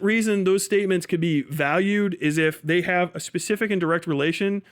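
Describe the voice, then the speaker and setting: Off-the-cuff livestream commentary comes from this male host, whose voice sits high with a fairly bright tone. He argues his points emphatically, repeats himself, and swears in a casual way.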